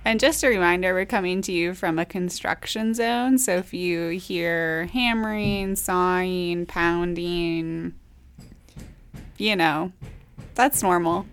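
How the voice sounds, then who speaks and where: A woman's voice: on the low side, slow, smooth. A woman with an American accent chatting casually as a podcast co-host. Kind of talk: casual co-hosted podcast chat.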